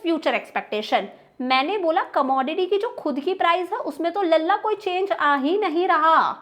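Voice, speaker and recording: A young woman with an Indian accent delivers an exam-prep economics lecture in a high, fairly bright voice. She works through the material step by step, stresses key terms, and keeps asking whether students have understood.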